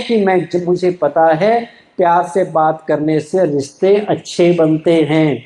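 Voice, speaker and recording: A man's voice: fairly high pitch, dark tone, echoey room, low-quality recording. A man giving a motivational spiritual talk to a live audience, often asking rhetorical questions and answering them himself. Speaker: spiritual speaker.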